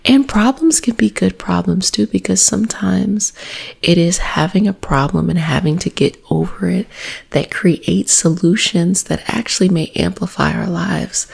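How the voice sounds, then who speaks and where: A woman speaking in a soft, half-whispered ASMR style, gentle and maternal, as the host of a self-care healing session. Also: fairly low pitch, gravelly, slightly rough. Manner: gentle, maternal, informal, addresses listeners as babies. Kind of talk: soft-spoken ASMR, intimate monologue to listeners.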